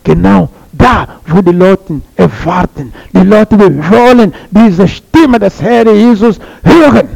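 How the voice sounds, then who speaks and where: A man's voice: high-pitched, expressive, slow, vocal fry, few pauses, darkish tone, poor audio. A man preaching a sermon to a congregation, repeating his phrases and putting questions to his listeners.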